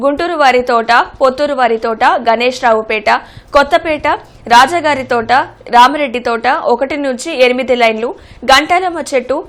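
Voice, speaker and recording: High-voiced woman reading news. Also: a bit bright. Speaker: news reader.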